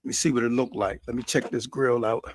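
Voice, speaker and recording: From a quiet backyard, an American host grills on a live cooking and chat stream, talking fast in a steady, medium-pitched voice. His folksy rambling leans on repeated phrases for emphasis, and there's a little hiss or hum.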